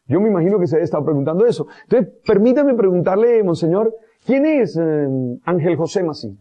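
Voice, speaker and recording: Priest host with a high, mellow voice, cordial and pastoral, on a dull lo-fi recording. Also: male voice, animated, a little fast. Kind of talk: religious talk show interview.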